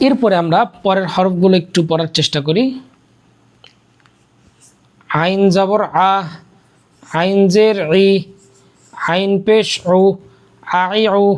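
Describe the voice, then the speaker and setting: Slow, patient Quran reading teacher. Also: medium pitch. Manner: repeats letter-vowel drills in a steady chant, then explains briskly. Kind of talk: slow drilled recitation lesson.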